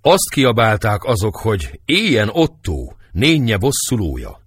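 Male reader as humble old servant, deep dry voice, halting telling. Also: wildly swooping pitch, slightly rough, no echo, exaggerated voice. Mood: grim.

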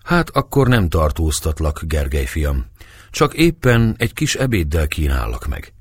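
Soft-spoken village wife, man doing her, higher pitched, husky. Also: big pitch swings, no echo, heavily acted. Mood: gentle. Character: middle-aged village woman, calm and kind.

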